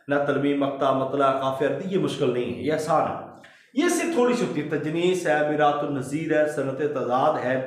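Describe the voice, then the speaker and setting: A man teaching an online grammar lecture, who asks his students questions, answers them himself and repeats the key terms. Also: fairly high pitch. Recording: very echoey room.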